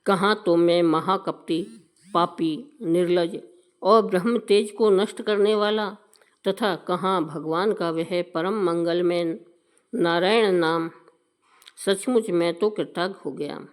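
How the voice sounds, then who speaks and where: A woman voicing a repentant old man full of remorse, in a slow, measured recitation. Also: on the low side. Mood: remorseful.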